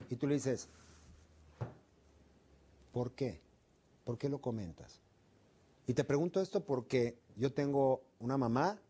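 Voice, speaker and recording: A man's voice: on the high side, mellow. A middle-aged man teaching a negotiation class, often asking questions and acting out example phrases. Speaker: instructor. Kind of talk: classroom lecture.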